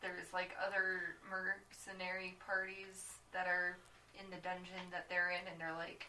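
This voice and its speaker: A woman's voice: on the low side, monotone, unhurried, bright, forceful tone. A woman co-hosting a casual podcast, chatty and laughing as she recaps a comic book. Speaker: podcast co-host. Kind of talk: casual chat. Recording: distant mic with faint noise.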